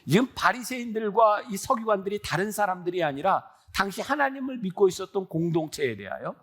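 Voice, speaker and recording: A man's voice: high voice, very animated, brisk, a bit bright. A pastor in his sixties preaching a sermon in an earnest, conversational way, often asking the congregation questions. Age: 60s.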